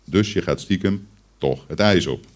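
A preacher with a deep, low-pitched voice delivers a Christmas sermon. He speaks straight to the children and the congregation, drawing them in with a story. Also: unhurried. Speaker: pastor.

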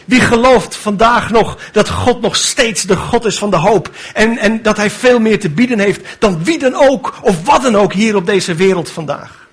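A man's voice: high-pitched, expressive, normal speed, few pauses, breathy edge. A man preaching a sermon with fervent delivery, building to emphatic rhetorical questions.

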